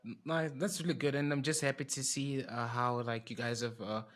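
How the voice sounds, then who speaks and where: Flat-toned young male podcast host. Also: mid-range voice, a little fast. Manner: rambling, repeats "nice". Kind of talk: casual interview. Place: warm-lit room indoors. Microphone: studio microphone on a boom arm with headphones.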